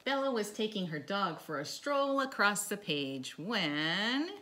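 Unhurried and sing-song, a middle-aged woman reads a storybook for children, her pitch swooping animatedly as she coaxes her therapy dog and young viewers with questions. She sits indoors by a stone fireplace in a living room, and the home recording is noisy.

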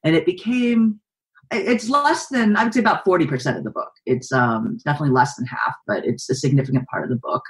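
A thoughtful woman in her forties, from the Bay Area, speaks as an author and journalist guest. Her answers come steadily, with frequent pauses and fillers. She is recorded over a video call webcam in a home living room. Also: low voice. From San Francisco Bay Area, US. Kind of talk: reflective interview answers.

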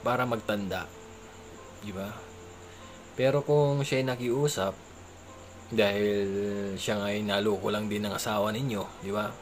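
A man's voice: lowish voice, fairly even intonation, unhurried, long pauses, faint music behind. A man in casual advice chat, talking conversationally and often asking his listeners for agreement. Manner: chuckles between remarks. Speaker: vlogger giving advice.

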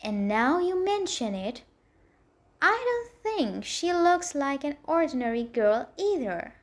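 A gentle old storybook king, read by a woman. He speaks slowly and kindly, in a fairly high, soft voice. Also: big pitch swings, heavily acted. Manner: gentle, measured. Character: kindly old male king, calm and thoughtful.

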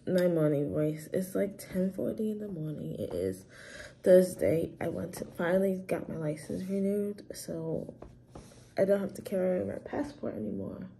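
A woman's voice: lowish voice, lively intonation, normal speed, creaky, slight background noise. A woman in her twenties chatting casually as a vlogger, thinking aloud while she shops. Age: 20s. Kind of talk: casual vlog chat. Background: loud music in the background.

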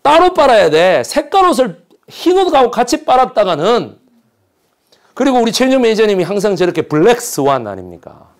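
A man giving a storytelling history lecture, animated and jokey, often asking his audience questions and acting out quotes. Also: high-pitched, brisk. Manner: slips into dialect when quoting figures.

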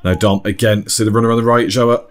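A man giving relaxed, chatty commentary over an amateur football match, often laughing. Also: on the low side, fast.

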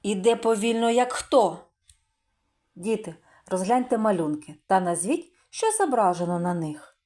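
A woman's voice: medium pitch, animated, unhurried, a little mellow. A woman teacher giving a recorded literacy lesson to young children, asking questions, drawing out speech sounds and answering with praise. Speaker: primary school teacher.

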